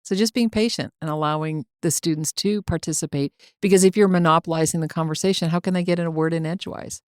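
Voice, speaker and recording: A woman's voice: on the low side, fast talker, a little mellow, no echo, clean studio sound. A woman co-hosting a casual teaching podcast, prompting her partner and sharing her own stories. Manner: encouraging, prompts stories, laughs easily. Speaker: co-host. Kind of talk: conversational podcast discussion.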